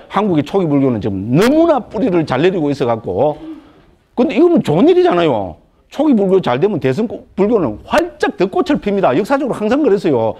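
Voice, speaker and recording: An older male monk lectures on Buddhist texts in a lively, conversational way. His voice sits a little higher than most men's. He keeps tossing rhetorical questions to his listeners and checks they follow. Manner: animated, rhetorical questions with frequent tag questions. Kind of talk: dharma lecture.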